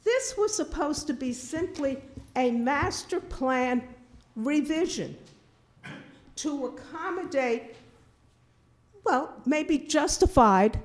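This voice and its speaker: A woman's voice: high-pitched, lively intonation, takes it slowly, pauses often. Indignant older woman at a podium. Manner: indignant, emphatic, repeats herself. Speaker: resident speaking at public comment. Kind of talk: public comment at a town board meeting. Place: meeting room in a town hall. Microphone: podium microphone, filmed from a distant camera.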